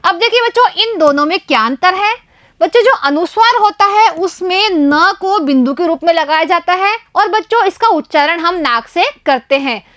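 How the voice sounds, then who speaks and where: A woman's voice: extremely high pitch, lively intonation, moderate pace, fairly bright tone, no echo, studio quality. A woman with an Indian accent, a primary school teacher explaining a Hindi lesson to young children, asking questions and answering them herself. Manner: keeps addressing the children, asks and answers her own questions.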